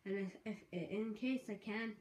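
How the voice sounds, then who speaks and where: A woman's voice: mid-range voice, unhurried, darkish tone. A woman giving let's play commentary, thinking aloud as she plays, repeating herself and dropping into whispered asides. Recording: roomy echo with faint background noise.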